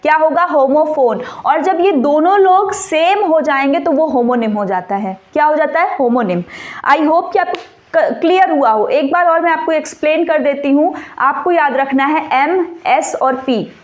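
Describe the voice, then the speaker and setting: A woman teaching an exam-prep grammar lesson, mixing English terms into her explanations and turning key points into quick questions for the viewer. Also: high-pitched, muffled recording.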